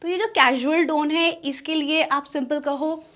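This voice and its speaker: Brief: young woman English teacher, slightly high voice, unhurried, spells out example phrases. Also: steady tone, a bit bright. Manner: slow, clear example sentences between explanations. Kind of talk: spoken English lesson.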